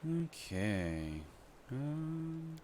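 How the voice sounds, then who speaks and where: A man's voice: on the high side, very animated, very slow, darkish tone, a little hiss or hum. A man hosting a casual let's play, reading item descriptions aloud and muttering asides as he shops. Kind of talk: casual gameplay commentary.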